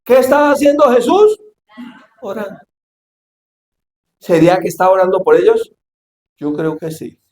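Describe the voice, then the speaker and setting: A man preaching a sermon as pastor, acting out Bible scenes and shouting for emphasis. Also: sits high, sing-song, normal speed, pauses often. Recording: echoey church hall, faint ambience.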